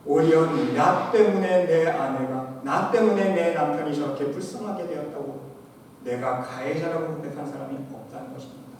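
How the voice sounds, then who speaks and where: A man preaching a sermon to his congregation as pastor, swinging between loud exhortation and quiet asides. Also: a little high, moderate pace, a little hiss or hum. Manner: addresses the congregation often. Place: church sanctuary. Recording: echoey church hall, preacher far from mic.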